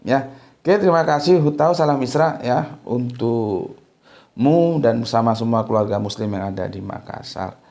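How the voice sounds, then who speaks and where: At a moderate pace and with a mid-range, darkish tone, a male religious teacher from Sumatra, Indonesia, lectures informally. The talk is loose and conversational, marked by restarts and a habit of closing sentences with "ya".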